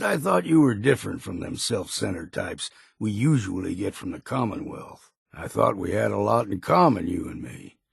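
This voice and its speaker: An actor playing a gruff, stubborn old seafarer in a video game, with a gravelly, raspy voice and a plain-spoken, folksy, weary but loyal manner. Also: male voice, fairly low pitch, no echo, clean studio sound, heavily acted. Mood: troubled, reproachful. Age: older. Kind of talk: video game character dialogue.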